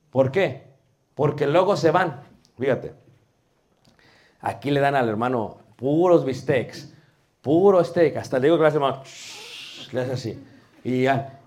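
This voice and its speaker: Mexican man, preaching instructor, lively lecture style, peppers in rhetorical questions. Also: on the high side. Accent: Mexican Spanish. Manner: animated, asks rhetorical questions, homely cooking comparisons.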